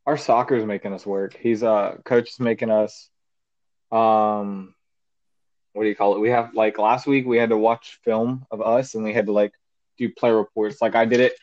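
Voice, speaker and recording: Over a muffled, dry phone line, a teenage boy helps co-host a laid-back podcast. His fairly low, slightly mellow voice holds a steady tone at normal speed while he rambles on with plenty of "like".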